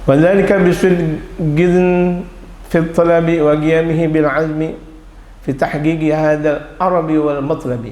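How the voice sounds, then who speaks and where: A man preaching a sermon to his congregation, mixing Arabic recitation with lively, playful explanation. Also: fairly high pitch, fast. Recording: echoey hall with long reverb.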